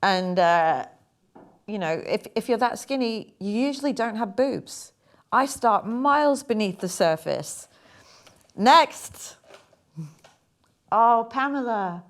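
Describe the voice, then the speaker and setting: A young woman, chatting casually and a bit haltingly about her paintings. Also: on the high side, expressive. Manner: chatty, rambling, hesitant with fillers. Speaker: artist talking through her paintings. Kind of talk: casual chat.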